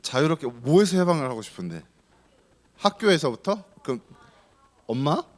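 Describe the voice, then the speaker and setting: Lively male pastor quizzing children. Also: fairly high pitch, normal speed. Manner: asks children many questions, playful and teasing. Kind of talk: children's sermon.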